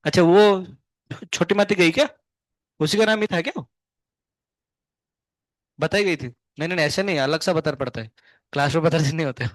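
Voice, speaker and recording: High-voiced male teacher quizzing his class. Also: no echo. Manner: chatty, scolding then explaining, asks students many quick questions; hums tunes to show wave shapes. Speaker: physics teacher. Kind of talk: live classroom lecture.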